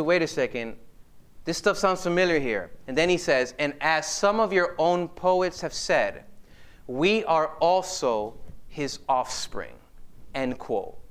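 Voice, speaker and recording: A man preaching a live sermon to a congregation, animated, putting questions to his listeners and dropping joking asides. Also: a little high, smooth.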